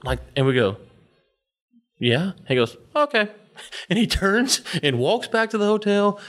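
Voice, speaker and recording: A man's voice: high-pitched, sing-song, unhurried, fairly bright tone. Male podcast guest, casual storyteller, rambling with filler words. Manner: rambling, full of "you know" fillers.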